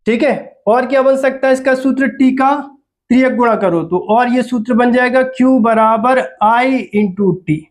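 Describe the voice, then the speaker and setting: Slow, high-voiced physics teacher. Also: male voice. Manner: repeats key words, quizzes students with questions. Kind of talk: classroom lecture.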